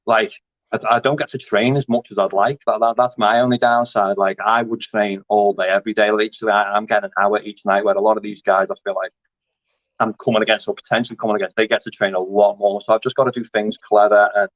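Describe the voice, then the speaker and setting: A man's voice: fairly low pitch, flat delivery, fast, no room sound. Rambling man in his thirties. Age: 30s. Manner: rambling, full of fillers and restarts. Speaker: grappling competitor. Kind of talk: casual interview chat. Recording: dry, dull lo-fi audio.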